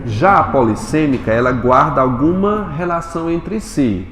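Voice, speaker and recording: A man's voice: on the high side, lively intonation. Brazilian guy teaching a class, keeps quizzing students, roomy echoey classroom, bit of faint noise. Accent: Brazilian Portuguese. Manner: quizzes students with quick questions. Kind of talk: classroom lecture.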